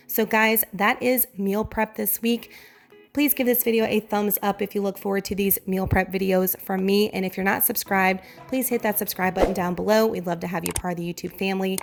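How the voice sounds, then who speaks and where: A woman's voice: medium pitch, creaky. A woman with a Southern US accent chatting through a casual cooking voiceover, enthusiastic and direct, her voice congested and giving out. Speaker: home cooking vlogger. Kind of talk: casual meal prep voiceover.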